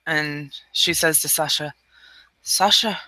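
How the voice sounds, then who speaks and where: A man's voice: a little high, fairly even intonation, measured pace, vocal fry, sharp tone, no echo, poor audio. A man narrating a tabletop game in a plain, matter-of-fact way.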